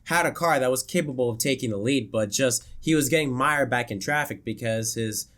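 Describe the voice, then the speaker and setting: A man's voice: mid-range voice, brisk, a bit bright. A man with a congested, worn voice from illness, casually reviewing a car race with many fillers and restarts. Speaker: racing commentary YouTuber.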